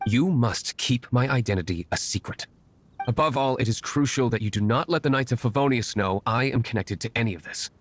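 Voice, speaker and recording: A man with a natural, mid-range voice speaks fairly quickly, with slight background noise, as a brooding, aloof young nobleman who is secretly a vigilante in a video game. His delivery is stern and formal, laced with curt disdain.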